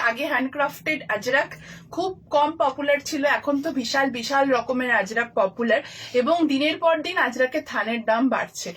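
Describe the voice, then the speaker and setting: A woman who owns a boutique, giving a brisk and persuasive sales pitch on a live stream while she has a sore throat. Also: fairly bright tone. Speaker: boutique owner selling clothes live.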